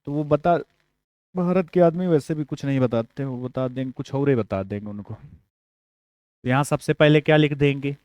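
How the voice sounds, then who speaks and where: A man's voice: mid-range voice, normal speed, darkish tone, smooth, dry recording. A man with a Hindi accent teaching English grammar for exams, explaining step by step, asking the class questions and dropping small jokes. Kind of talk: exam-prep grammar lesson.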